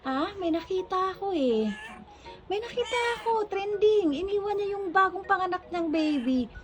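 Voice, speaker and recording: A woman's voice: extremely high pitch, lively intonation, normal speed, over music. Woman cooing baby talk at kittens. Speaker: pet vlogger. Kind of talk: casual chat with her cats.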